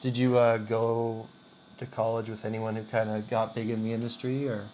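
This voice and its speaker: A woman host, curiously asking short questions and reacting quickly. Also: extremely low pitch, little pitch movement, dark tone, a little hiss or hum. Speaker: podcast host. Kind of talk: casual interview chat.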